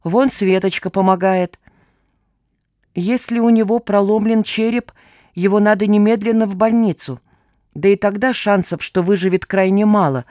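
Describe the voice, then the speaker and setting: A brisk, sardonic middle-aged woman, read by a woman narrator clips her words and keeps a dry, ironic edge. The pitch sits at an ordinary middle height. The sound is close and dry. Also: steady tone, dark tone, dry recording, lightly acted. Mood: curt. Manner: curt and dryly ironic. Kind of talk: audiobook character voice.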